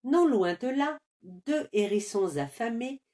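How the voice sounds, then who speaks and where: A woman narrating an animated children's series in a gentle, measured storytelling manner. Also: a little high.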